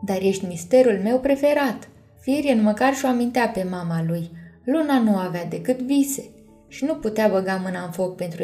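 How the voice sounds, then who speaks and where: Mellow-voiced woman reading a storybook. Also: mid-range voice. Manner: calm, measured storytelling. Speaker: audiobook narrator. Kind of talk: storybook narration. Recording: soft music underneath.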